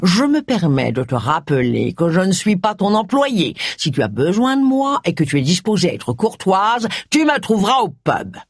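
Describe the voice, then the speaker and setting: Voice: mid-range voice, very animated, normal speed, hardly any pauses, husky, no echo, clean studio sound. A narrator voicing a suave, aloof aristocratic man who drawls and sounds plaintive, in an audiobook. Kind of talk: audiobook character reading.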